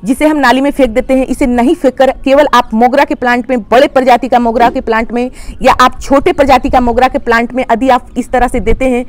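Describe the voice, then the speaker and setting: A woman hosting a gardening channel, calmly explaining plant care step by step and addressing viewers as friends. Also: high-pitched, a little fast, hardly any pauses. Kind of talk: instructional how-to talk.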